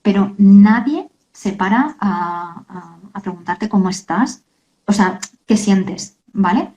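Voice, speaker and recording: Earnest woman, warm mellow voice. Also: mid-range voice, rough recording. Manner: earnest, halting, many tag questions. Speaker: author and guest. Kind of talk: emotional interview talk.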